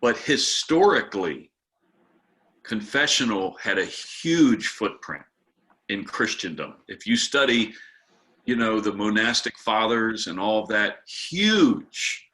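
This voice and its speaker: A man with a low-ish but bright, forceful voice leads a workshop over a video call. He talks like a pastor swapping stories, candid and a little snarky, easing from anecdote into teaching. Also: very animated, takes it slowly. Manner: candid storyteller, a bit snarky. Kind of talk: conversational workshop talk with stories.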